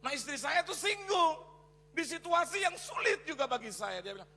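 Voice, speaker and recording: Male pastor, high voice, bright edge, animated sermon storytelling, mixes in English. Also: moderate pace, vocal fry. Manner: animated, mixes English phrases, acts out quotes loudly. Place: large church hall. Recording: reverberant church hall with faint noise.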